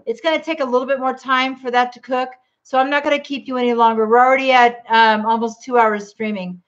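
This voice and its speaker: A woman's voice: a little high, steady tone, fast talker, lo-fi sound. A grandmother hosting a cooking livestream from her home kitchen, chatting casually and speaking straight to her viewers.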